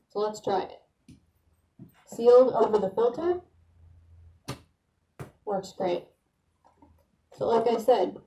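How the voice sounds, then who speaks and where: Woman, muffled through a gas mask, fairly high, mellow voice, echoey room. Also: vocal fry. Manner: chatty, plainspoken, laughs at herself. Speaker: demonstrator. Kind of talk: casual how-to demonstration.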